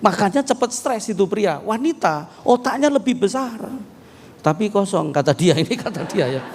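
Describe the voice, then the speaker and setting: A middle-aged man preaching a sermon, telling stories with humor and swinging from quiet talk to loud, emphatic preaching. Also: sits high, big pitch swings, normal speed. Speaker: pastor. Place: church hall. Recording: reverberant hall with faint ambience.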